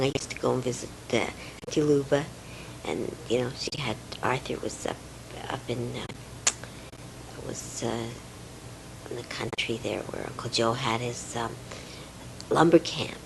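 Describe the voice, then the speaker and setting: Soft-spoken older woman, hesitant and reflective. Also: a bass voice, moderate pace, vocal fry, long pauses, background noise. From Romania. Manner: hesitant, many fillers, soft trailing words. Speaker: interviewee. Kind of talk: reflective home interview.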